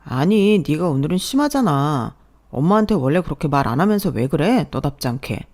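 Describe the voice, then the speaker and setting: A woman's voice: low voice, very animated, fairly quick, a little mellow. A woman voicing a tired, defensive young husband who speaks in a weary, dismissive way.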